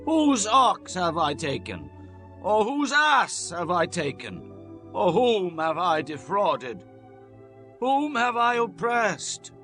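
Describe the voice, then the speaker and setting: Man playing stern elderly prophet, high bright voice, slow solemn declamation, audio Bible drama, music underneath. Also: big pitch swings, exaggerated voice. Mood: solemn challenge. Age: older. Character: grey-headed prophet Samuel, stern old man admonishing his people. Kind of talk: dramatized King James Bible reading.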